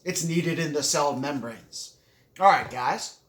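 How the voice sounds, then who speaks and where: A man's voice: fairly high pitch, slow, fairly bright tone. A man casually vlogging while he eats, talking with his mouth full in a rambling, enthusiastic way and often correcting himself. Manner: talks with his mouth full, chewing between phrases. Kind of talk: casual vlog talk while eating. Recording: echoey room.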